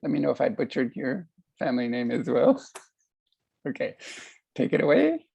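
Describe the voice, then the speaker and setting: A man's voice: mid-range voice, very animated, normal speed, gravelly, a little mellow, husky, dry recording, highs cut off. A man moderating an online panel, apologetic and laughing lightly as he introduces speakers. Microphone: video call.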